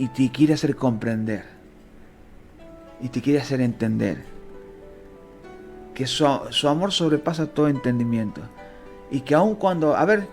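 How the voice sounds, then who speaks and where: A man with a Rioplatense Spanish accent teaching the Bible in a fervent, emotional sermon that swings between low and high pitch. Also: a little mellow.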